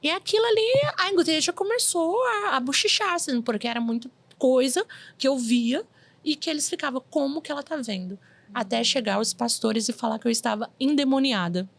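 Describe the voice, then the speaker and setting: A woman's voice: sits high, fairly quick, gravelly, dry recording. A woman in her forties, a medium from Brazil, telling her life story in a casual interview and acting out the voices she quotes. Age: 40s. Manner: animated storyteller who acts out quoted voices.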